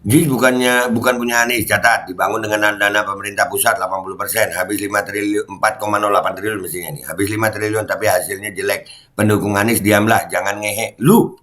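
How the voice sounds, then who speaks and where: A middle-aged man, heated and mocking, ranting as a commentary YouTuber and shouting when angry. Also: on the low side, fairly even intonation, fast talker.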